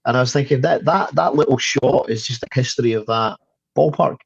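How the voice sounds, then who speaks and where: A man's voice: mid-range voice, a little fast, vocal fry, husky, no room sound. A Scottish man talking casually as a podcast guest, repeating words as he gets going. His voice sits in the middle range. The audio is dull and lo-fi, with a dry sound. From Scotland. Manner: repeats words when starting sentences, chatty. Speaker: guest, fundraiser. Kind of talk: casual chat.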